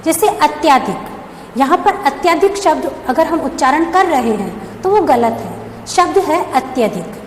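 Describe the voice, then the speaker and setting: High-voiced woman teaching in an echoey room. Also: expressive, measured pace. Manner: asks questions then answers them herself, spells out letters one by one. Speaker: school teacher. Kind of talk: classroom grammar lesson. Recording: echoey room with faint background hum.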